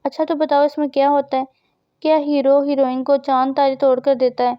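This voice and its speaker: A woman's voice: high voice, flat delivery, dry recording, lo-fi sound, lightly acted. A curt, cold male boss, read by a woman. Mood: stern. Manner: curt, commanding. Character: stern cold rich male boss, young husband.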